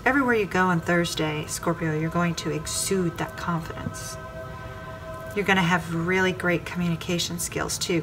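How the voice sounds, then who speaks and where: A woman with a lowish voice gives a weekly tarot reading by star sign, talking directly to her viewer and returning again and again to the same phrases. Music sits clearly beneath her voice on a low-quality recording.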